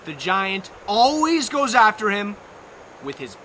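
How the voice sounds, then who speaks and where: A young man with a high-pitched, very animated voice that sounds pushed and bright narrates a bedtime story as live theater. He plays it dramatic and playful with drawn-out, repeated phrases, on a lawn outdoors, in a noisy amateur live recording.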